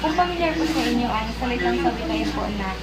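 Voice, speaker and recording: A woman's voice: fairly high pitch, lively intonation, fast talker, a loud crowd. A young woman student interviewer asking short, very deferential questions. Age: young adult. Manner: polite, very deferential, uses "po" a lot. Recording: echoey, distant mic, loud background noise.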